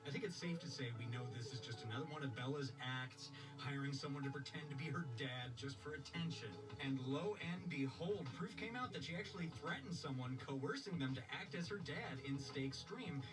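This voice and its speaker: A man's voice: fairly high pitch, expressive, fairly quick, few pauses. Male commentary narrator over music. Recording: slightly distant, music underneath.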